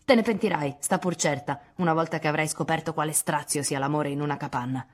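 A woman's voice: low voice, quick pace. A woman voicing a domineering, scornful old aunt who lectures and scolds in an audiobook. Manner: imperious, scolding, sarcastic. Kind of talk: audiobook dialogue reading.

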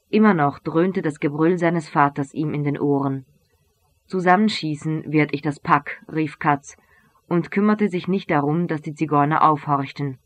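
A reader narrating a German novel as an audiobook in a measured, even way. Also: mid-range voice.

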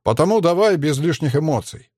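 A man voicing a calm, cunning male alien star dog, speaking in a measured, lecturing way in an audiobook. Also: on the high side, no room sound, studio quality, pitched above the performer's own voice. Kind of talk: audiobook character reading.

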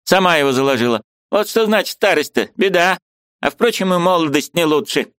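A man reading an audiobook and voicing a fussy, bustling old aunt who talks in a brisk, scolding, chattering way. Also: on the high side, expressive, fairly bright tone, clear, resonant tone, no echo, voice pushed up.

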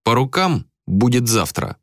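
A man voicing a stern young male ruler who gives firm, hushed commands in an audiobook. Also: medium pitch, sing-song, a little slow, no echo, studio quality, voice pushed up.

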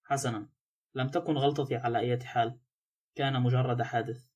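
A careless young man shrugs off blame in a slow, offhand drawl, as a man reading an audiobook voices him. He sounds casual and unbothered. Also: medium pitch, fairly even intonation, darkish tone, lightly acted.

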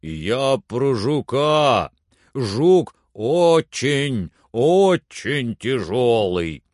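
A man reading aloud and voicing an older male servant who calls down from high up a tree in a plaintive, drawn-out way. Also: sing-song, a little mellow, dry recording, clean studio sound.

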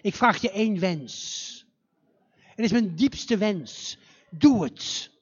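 A man voicing a calm, firm old fox in a spoken fairy tale, who speaks slowly and deliberately. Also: sits high, husky, lo-fi sound, full character voice. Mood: pleading.

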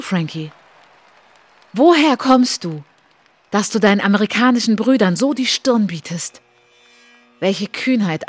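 In a literary radio drama monologue, an actress with a mid-range voice portrays a proud, wounded young Frenchwoman speaking reflectively about herself. She sounds admiring and urgent, delivering the lines intensely and deliberately, occasionally falling to a whisper.

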